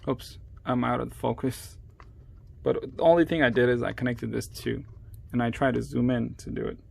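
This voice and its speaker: A man's voice: mid-range voice, fairly even intonation, moderate pace, creaky. A man giving a casual, step-by-step phone repair demonstration at his workplace, chatting to viewers while he works with his hands.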